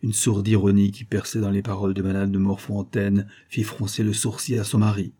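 A man narrating a classic novel as an audiobook in a measured, even delivery. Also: lowish voice.

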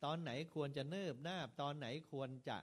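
A man's voice: a little high, moderate pace. A man, a Buddhist monk, lecturing fellow monks on how to preach, talking in a conversational way with varied stress and rhythm and putting questions straight to his listeners. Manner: varied stress and rhythm, lively rises and falls.

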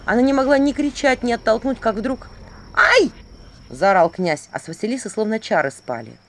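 A woman narrating a fairy tale as an audiobook reader, with an expressive reading. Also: fairly high pitch, a little fast.

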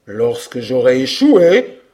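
Guy reading boastful scoffing knight, lively up-and-down voice, audiobook. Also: medium pitch, a little slow, pitched below the performer's own voice, close to an everyday voice. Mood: indignant. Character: boastful middle-aged male knight, mocking.

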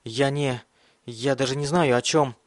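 A confused, frightened teenage boy, hesitant and questioning, as a male narrator voices him. The voice sits at a mid pitch with a dry, close audiobook sound. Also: steady tone, measured pace, dry recording, close to an everyday voice. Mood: bewildered.

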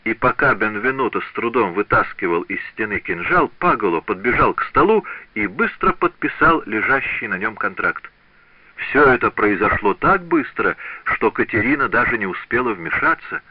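Low-voiced man reading an audiobook. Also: moderate pace, no room sound. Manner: expressive literary reading. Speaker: audiobook narrator. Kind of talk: scripted narration. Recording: dull, lo-fi dry audiobook recording.

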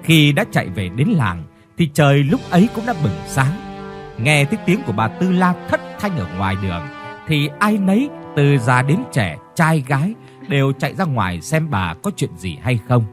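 Guy reading a ghost story, really expressive, bit of music in the back. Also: mid-range voice, moderate pace. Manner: dramatic storytelling. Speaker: narrator. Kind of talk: scripted horror narration.

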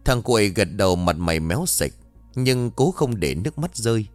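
Man, dramatic story narration, very lively pitch, dry close sound, faint music. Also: moderate pace, no echo. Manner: dramatic, expressive.

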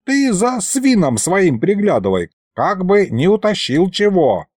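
A man's voice: sits high, sing-song, a little slow, no room sound, studio quality, pitched above the performer's own voice, exaggerated voice. Man putting on a cranky old ghost wizard. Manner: cranky, shouting, folksy old sayings. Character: grumpy old male ghost wizard, quarrelsome.

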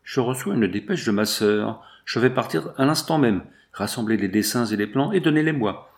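Man reading as a brisk, impatient engineer boss. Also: mid-range voice, expressive, natural voice. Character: hurried male factory engineer, impatient boss.

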